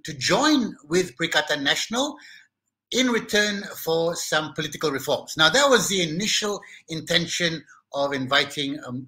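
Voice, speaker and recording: A middle-aged man with a Malaysian accent hosts a casual live stream from home. His voice sits high and sounds bright and forceful. He chats playfully, sliding between English and Malay. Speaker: host of a live-streamed talk show.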